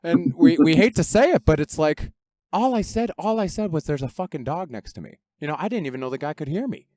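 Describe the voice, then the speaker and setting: A man's voice: fairly high pitch, animated, brisk, dark tone, no room sound. A man hosting a podcast from his parked car, chatting casually with friendly bursts and fillers. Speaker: podcast host. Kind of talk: casual chat. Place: parked car in a grocery store lot.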